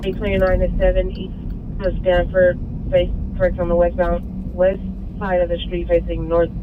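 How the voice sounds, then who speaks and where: A woman working as a police dispatcher, heard over a police radio scanner, reading out codes and locations in clipped, flat calls. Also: on the low side, normal speed. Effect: police radio scanner transmission. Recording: tinny radio scanner with static.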